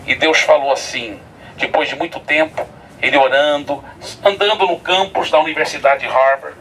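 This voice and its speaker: A man's voice: a little high, normal speed, a bit bright, far from the mic, a little hiss or hum, rough recording. A male pastor preaching outdoors, telling a story animatedly and often laughing as he goes. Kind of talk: sermon with storytelling. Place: outdoors at a hilltop site.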